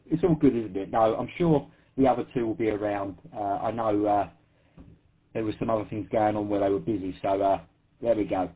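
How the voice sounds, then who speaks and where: A chatty man with an Essex accent runs an amateur radio net as its host, laughing easily at himself. His voice is husky and comes through a thin, tinny radio link. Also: mid-range voice. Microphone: radio transceiver.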